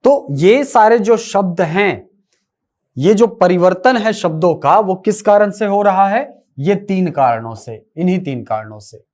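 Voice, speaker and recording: Male lecturer, live class; unhurried, repetitive, chatty asides to students. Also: high-pitched, lively intonation, darkish tone. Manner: repeats key phrases, asks and answers own questions. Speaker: teacher.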